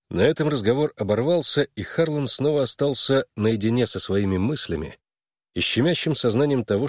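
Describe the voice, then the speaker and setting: A man narrating a novel in a measured, expressive reading voice. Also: lowish voice, dry recording, clean studio sound. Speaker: audiobook narrator. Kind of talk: scripted narration.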